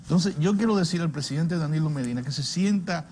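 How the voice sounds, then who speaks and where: A man's voice: a little high, fairly quick, a little mellow. Older Dominican man, emphatic political talker, faint noise. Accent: Dominican Caribbean Spanish. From Dominican Republic. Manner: emphatic, repeats words, rhetorical questions. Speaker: political commentator on a talk show. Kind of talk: opinionated political discussion.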